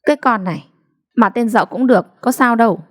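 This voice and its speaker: A woman's voice: on the high side, fast, pitched above the performer's own voice, natural voice. Storybook mother, plain talk, scolds but fond a woman reader doing her. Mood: chiding. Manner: scolding, matter-of-fact.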